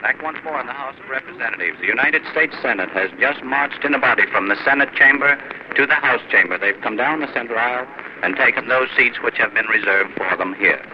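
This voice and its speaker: A man's voice: medium pitch, a little fast. A man reporting live in a polite, formal 1940s radio style, heard as an old archival broadcast. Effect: old archival radio broadcast sound. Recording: dull noisy 1940s radio recording.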